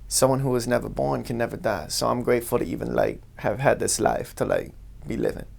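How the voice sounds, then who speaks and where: Gravelly, laid-back stoner-sounding man. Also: medium pitch, a little fast, a little mellow. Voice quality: gravelly, husky. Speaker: podcast guest. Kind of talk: casual chat, deadpan.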